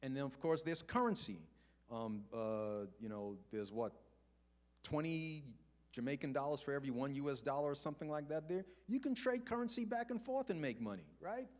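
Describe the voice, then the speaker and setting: An older man giving a conversational finance talk to a church congregation. He asks rhetorical questions and slows down to repeat key points. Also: on the high side, lively intonation, darkish tone. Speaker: guest speaker on personal finance. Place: church sanctuary before a congregation.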